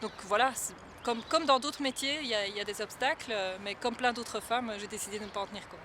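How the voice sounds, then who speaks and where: A woman giving a documentary interview, thoughtful and hesitant with many pauses. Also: on the high side. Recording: clear street noise behind.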